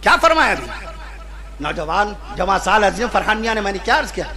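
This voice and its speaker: A man preaching at a religious gathering. He builds long, repeated lists that swell into shouts, then stops to spell out the correct pronunciation of names. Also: sits high, very animated, fast. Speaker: Islamic preacher. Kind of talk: impassioned sermon at a religious gathering.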